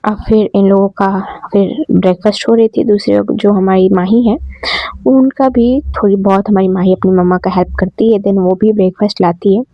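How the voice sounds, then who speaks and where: A woman's voice: mid-range voice, steady tone, normal speed, no echo, muffled recording. A woman casually narrating a romance audio story, chatty and speaking to her listeners. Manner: chatty, addresses listeners directly.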